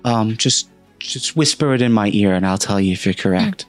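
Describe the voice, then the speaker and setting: A man plays a bugbear fairground barker in a tabletop fantasy game. The creature has a gentle, confiding way of working a guessing game, with music playing underneath. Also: on the low side, moderate pace, lightly acted.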